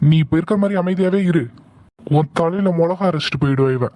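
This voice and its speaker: A man voicing a protective, hot-tempered young husband in a cartoon, speaking in a sharp, commanding way. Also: on the high side, brisk, dry recording, close to an everyday voice. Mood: angry. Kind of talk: cartoon voice acting.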